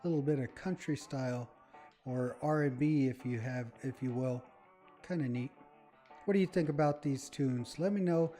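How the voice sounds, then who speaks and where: A man's voice: medium pitch, normal speed, mellow. A man casually commentating his game as he plays, rambling and talking to his viewers. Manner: rambling, chatty, talks to viewers. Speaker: gaming channel host. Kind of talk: casual let's-play commentary. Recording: faint background music.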